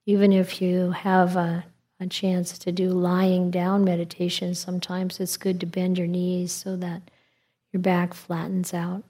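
A woman teaching meditation in a calm, meditative tone. Her voice is soft, a little husky and mellow, and she speaks very slowly, leaving long pauses between short phrases. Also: on the low side. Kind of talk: guided meditation instruction.

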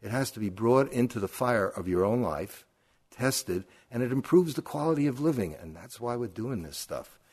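A man's voice: mid-range voice, animated, normal speed, darkish tone, breathy edge. An older man, a meditation teacher giving a dharma talk at a retreat, telling stories conversationally and asking rhetorical questions.

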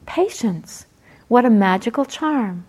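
Storybook fairy: a woman doing a fiery little male forest sprite, high, loud, impatient. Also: animated, takes it slowly, husky, full character voice. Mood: eager. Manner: eager, loud, demanding.

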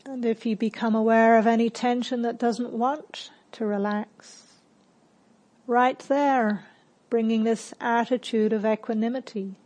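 On a rough recording, a woman whose pitch leans high takes listeners through a guided meditation. She's the teacher here, calm and slow, with gentle directions and lengthy silences.

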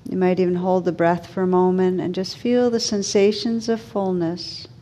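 Her pitch fairly low and barely moving, a woman meditation teacher gently guides a session, letting unhurried pauses fall between her short, soothing phrases.

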